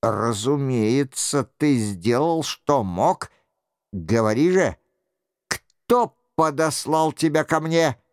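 A man reading the part of a stern lawyer who questions a captive with cold, clipped questions in a low, muffled voice. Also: animated, slow, no room sound, clean studio sound. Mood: menacing. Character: stern menacing male lawyer interrogating at swordpoint. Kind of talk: audiobook character reading.

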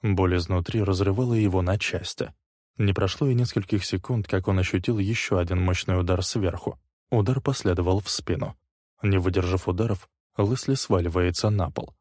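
A man reading a crime thriller aloud in steady, even scripted narration. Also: low-pitched, normal speed, no echo, clean studio sound.

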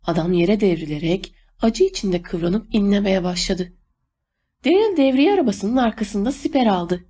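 A woman reading a novel aloud as an audiobook narrator, steady and measured. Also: medium pitch, slightly rough. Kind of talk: scripted narration.

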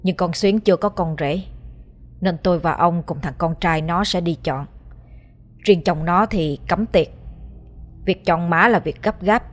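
A woman's voice: fairly low pitch, unhurried, long pauses, lightly acted. A woman voicing a stern old man who is a village ritual master, giving commanding instructions in an audio ghost story.

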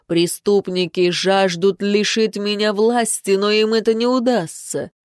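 A defiant king speaks in a slow, measured, solemn way, read by a woman narrator. The recording is dry and close, with no room sound. Her pitch stays near her usual middle range. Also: darkish tone, dry recording, natural voice. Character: male king, proud and defiant. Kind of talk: audiobook character reading.

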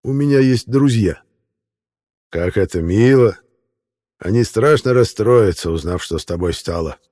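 A man's voice: on the low side, animated, measured pace, warm tone. A man reading a dry, sardonic captive. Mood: ironic. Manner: dry and ironic. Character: cool, sardonic male captive, calmly taunting. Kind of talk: audiobook character reading.

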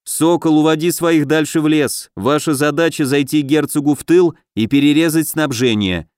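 A man voicing a quick-thinking young male elf tactician giving brisk commands. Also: fairly high pitch, a little mellow, smooth, no echo, clean studio sound, close to an everyday voice. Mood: commanding.

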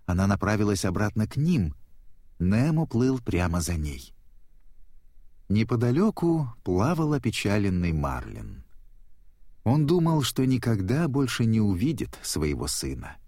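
A man narrating a children's storybook in a steady, expressive way. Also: lowish voice, measured pace, no room sound, clean studio sound.

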